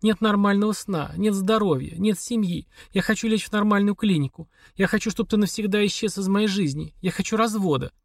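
A man reading an audiobook, voicing a worn-down, desperate wife in a hoarse, whispery voice. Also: high voice, fairly quick, hardly any pauses, no echo, clean studio sound, voice pushed up. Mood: pleading. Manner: pleading then hissing with hatred.

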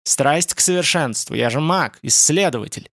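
A man reading an audiobook, voicing a creaky, sinister old male spider-man mage in a slow, gloating manner. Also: fairly high pitch, expressive, fairly bright tone, dry recording, clean studio sound, pitched above the performer's own voice. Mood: menacing. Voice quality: creaky, clicking voice.

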